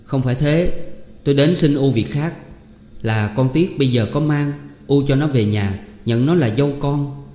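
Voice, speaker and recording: A man's voice: mid-range voice, moderate pace, warm tone, voice pushed up, natural voice. A man reading aloud, voicing a pleading young adult son in a raised, wheedling voice. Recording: echoey room with long reverb.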